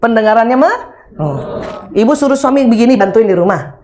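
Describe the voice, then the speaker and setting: A middle-aged woman giving a religious lecture on parenting and marriage, animated and humorous, acting out everyday examples. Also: fairly high pitch, brisk, a little hiss or hum.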